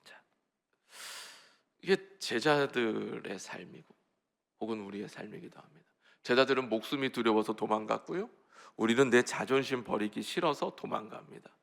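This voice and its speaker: A man's voice: mid-range voice, normal speed, vocal fry, long pauses. A male pastor giving an early-morning sermon in a church, talking conversationally and putting questions to the congregation.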